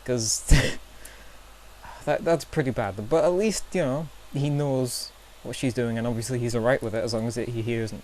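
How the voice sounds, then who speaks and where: With a measured pace and a somewhat mellow medium pitch, a young vlogger recounts awkward moments in a casual storytelling video. He pokes fun at himself, hedges with fillers, and chuckles along, while a faint hiss lingers in the recording.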